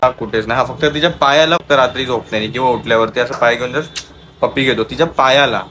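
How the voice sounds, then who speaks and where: A young man films a casual home vlog, speaking in a mid-range voice at a quick pace with a sharp tone, and faint music plays behind him. He's a vlogger and father who chats to the camera and talks baby talk to his toddler, switching between that and explaining things to viewers.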